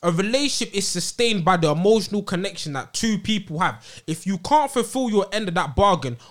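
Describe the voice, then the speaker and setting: A man's voice: high-pitched, animated, fairly quick, fairly bright tone. A man with an urban London roadman accent, debating casually in slangy phrases tagged with "yeah". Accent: London, urban street style. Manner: slangy, repeats "yeah" as a tag.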